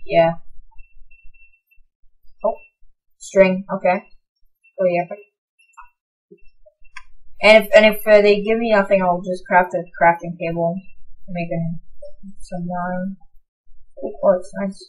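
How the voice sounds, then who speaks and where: A young woman giving casual, excitable commentary on her own gameplay, sometimes breaking into high, delighted shouts. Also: takes it slowly, long pauses, rough recording. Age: young adult. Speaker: gaming channel host.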